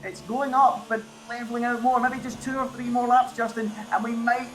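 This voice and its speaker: A man's voice: very high-pitched, little pitch movement, brisk, a bit bright, a little hiss or hum. A man giving co-commentary and analysis on a live esports race, chatty and fond of rhetorical questions.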